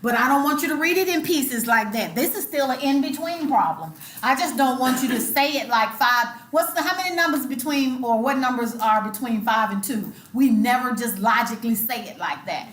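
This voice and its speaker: A woman teaches a college math class in a slightly high voice. She talks in a casual, emphatic way and repeats her key points. The recording is echoey, with faint room noise. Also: expressive, moderate pace, few pauses, fairly bright tone. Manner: emphatic, repetitive, colloquial. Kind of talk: classroom lecture.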